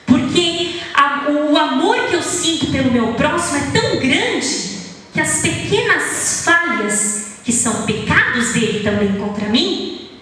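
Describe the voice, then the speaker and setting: A woman preaches to her congregation with an animated delivery, reading scripture as if telling a story. Her voice is high and sounds distant from the microphone. The church hall around her has a long, heavy reverb. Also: measured pace. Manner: animated, shifts pitch to act out quoted speakers. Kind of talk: sermon with expressive scripture reading. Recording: echoey hall, voice from far off.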